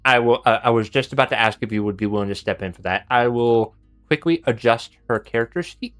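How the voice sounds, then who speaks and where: Guy game mastering, casual and halting, thinking out loud, mid-range voice, bit of music behind. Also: mid-range voice. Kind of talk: casual tabletop game talk.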